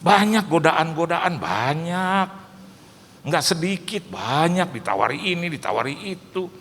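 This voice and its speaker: A middle-aged male pastor preaching to a church, telling comic stories in an animated, jokey way and acting out other voices. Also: on the high side, measured pace. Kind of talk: sermon with comic storytelling. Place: church hall. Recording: long hall reverb, faint hiss.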